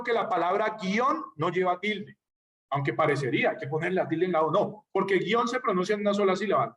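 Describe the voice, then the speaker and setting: Male writing teacher, higher voice, online lecture, mic a bit distant. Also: fairly bright tone. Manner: explains patiently with spoken examples, checks in with "¿ya?".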